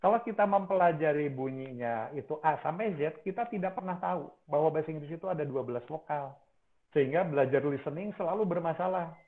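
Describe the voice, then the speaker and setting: A man's voice: fairly high pitch, fast talker. A male university lecturer, explaining phonology and repeating example words over and over. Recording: tinny phone-like sound.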